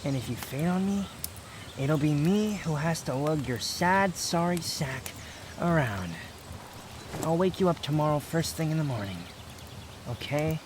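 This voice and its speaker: A male actor voices a proud young man in a fairly high register, bitter and guarded but tender underneath. It's an intimate, brooding ASMR roleplay, confessional yet curt at the edges, delivered expressively at a measured pace with a gruff, tender mood. Clear outdoor nature sounds fill the noisy background behind him.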